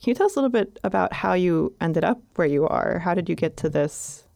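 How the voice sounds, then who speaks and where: Gravelly-voiced woman interviewer. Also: fairly low pitch, lively intonation, brisk, a little mellow. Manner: friendly, laughs often. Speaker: podcast host, interviewer. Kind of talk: interview questions.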